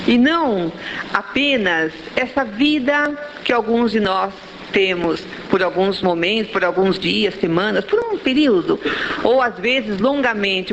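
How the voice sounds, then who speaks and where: This spiritist lecturer, a Brazilian woman of medium pitch with noticeable vocal fry, gives a didactic religious talk in Brazilian Portuguese. Rhetorical questions punctuate her explanations. The lo-fi recording sounds dull and carries a faint hiss of background noise.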